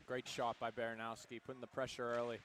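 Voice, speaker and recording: Relaxed young male hockey commentator. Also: mid-range voice, fast, slight background noise. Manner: relaxed, hesitant analysis with fillers. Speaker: color commentator. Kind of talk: student sports commentary.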